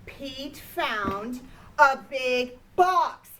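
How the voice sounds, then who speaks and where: Extremely slow and fairly bright, a woman's high voice with lively intonation reads a children's picture book aloud, expressively stretching key words for emphasis. As a storybook reader, she's picked up by a distant microphone with faint noise in the background.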